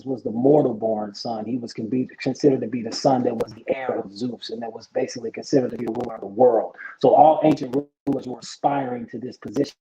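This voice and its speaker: A man making a debate argument over an online call, his voice choppy and breaking up, delivered as a deliberate lecture. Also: mid-range voice, dull audio. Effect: choppy, breaking-up call connection.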